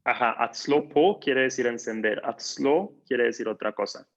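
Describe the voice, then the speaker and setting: A man teaching a language class online, patiently repeating words slowly and filling gaps with soft "ujú" sounds. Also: mid-range voice, highs cut off, slight background noise. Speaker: Swedish teacher.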